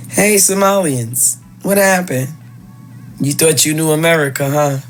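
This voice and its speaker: A man delivers mocking, taunting commentary, throwing rhetorical questions at his listeners. He speaks very slowly and deliberately, and faint music plays behind him. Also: a little high. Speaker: social media commentator.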